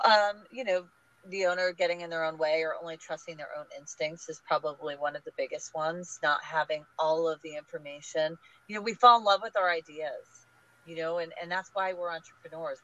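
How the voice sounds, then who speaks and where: A woman guest on a podcast interview, talking in an energetic, emphatic, advice-giving way. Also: low voice. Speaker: guest, small business group leader. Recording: dull lo-fi audio.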